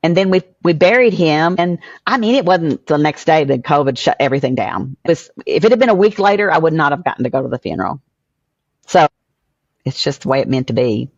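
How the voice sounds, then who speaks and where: A woman in her sixties from a small town, a podcast guest, telling her family story in an animated way that acts out what others said. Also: sits low, fairly quick, no echo, lo-fi sound. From southern US small town. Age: 60s. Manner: animated storyteller acting out quoted voices. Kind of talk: emotional storytelling interview.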